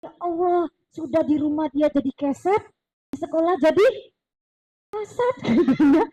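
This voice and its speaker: A woman giving a religious parenting talk in a lively, chatty way, slipping in words and acting out other people's lines. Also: very high voice, moderate pace, no room sound, low-quality recording. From East Java. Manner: lively, chatty, mixes Javanese words, acts out voices of others. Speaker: parenting seminar speaker. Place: mosque hall.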